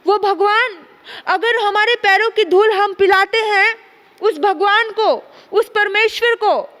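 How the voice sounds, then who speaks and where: A woman's voice: high voice, in a large hall. A woman doing an indignant scolding queen. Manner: scolding, emphatic.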